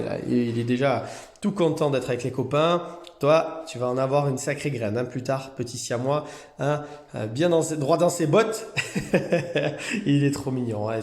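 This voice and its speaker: A man's voice: medium pitch, darkish tone. A man who runs a cat hotel, chatting in a casual vlog and talking affectionately to the cats. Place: indoor cat boarding room.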